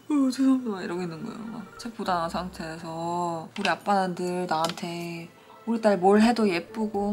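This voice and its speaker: Young female beauty vlogger with a mid-range voice, chatty tutorial delivery, soft music bed. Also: mid-range voice. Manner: chatty, animated when storytelling, soft asides. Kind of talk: casual makeup tutorial with storytelling. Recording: faint music behind.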